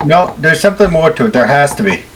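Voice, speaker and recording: Slightly high-voiced man, gaming banter. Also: expressive, quick pace, background noise. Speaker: player in a group gaming video.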